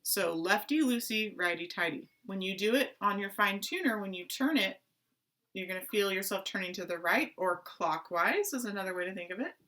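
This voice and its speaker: A woman teaching a playful online strings lesson for children, asking questions and keeping it lively. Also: medium pitch, normal speed. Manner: animated, talks to kids with pretend play and questions. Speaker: music teacher. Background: violin notes.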